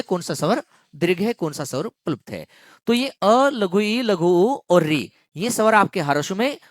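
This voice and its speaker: A grammar teacher drills exam students through a lesson, repeating each key phrase several times and stopping to quiz the class. The voice moves widely in pitch, and it sounds dry and close, with almost no room echo. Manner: draws out words to demonstrate long vowels.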